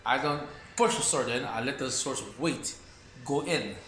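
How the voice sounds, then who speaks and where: A man's voice: medium pitch, unhurried, fairly bright tone, a little hiss or hum. A man teaching Wing Chun in a loose, rambling way, repeating himself and talking while he demonstrates moves. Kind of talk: casual martial arts demonstration talk. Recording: echoey room with faint ambience.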